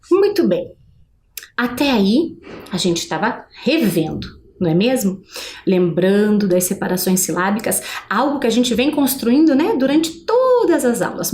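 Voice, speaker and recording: A woman's voice: on the high side, darkish tone. Lady teacher doing a video lesson, voice bounces up and down a lot, stretches out the words, asks "né?" all the time. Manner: slow, drawn-out pronunciation of example words; asks questions to the viewers, frequent "né?". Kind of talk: recorded video lesson for adult learners. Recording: echoey room.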